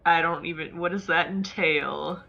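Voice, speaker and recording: A woman's voice: on the low side, steady tone, moderate pace, vocal fry, pushed and bright. A woman chatting casually as a player in a tabletop game, on a slightly dull lo-fi recording. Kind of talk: casual chat in character.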